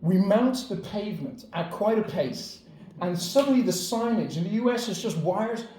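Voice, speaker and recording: A man's voice: sits high, animated, normal speed, dark tone, a little hiss or hum. A man telling a personal anecdote dramatically, building suspense. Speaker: storyteller. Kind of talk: personal anecdote told to an audience. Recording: roomy echo.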